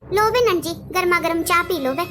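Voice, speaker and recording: A woman's voice: very high-pitched, animated, moderate pace, music in the background. A woman doing a sarcastic sister-in-law. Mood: taunting. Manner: scolding, sarcastic excuses. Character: sharp-tongued lazy sister-in-law, middle-aged woman.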